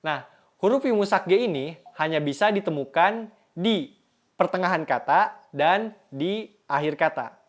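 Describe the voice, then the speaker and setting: A man's voice: sits high, expressive, measured pace. A young man from Indonesia teaching the Turkish alphabet, saying each letter and example word several times and checking in with "Oke?". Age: young adult. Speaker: Turkish language tutor. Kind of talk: language lesson.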